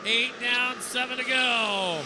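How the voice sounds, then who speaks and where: A man's voice: very high-pitched, fairly even intonation, takes it slowly. A man working as a motorsport commentator, calling a live stock car race in clipped running phrases. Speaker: motorsport track announcer. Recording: loud engine noise over track announcing. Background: race car engines.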